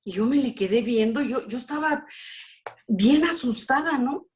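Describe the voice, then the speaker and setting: Woman, higher voice, lively storytelling testimony. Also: normal speed. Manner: animated storytelling, acts out dialogue. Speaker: speaker at a church family school. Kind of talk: personal testimony.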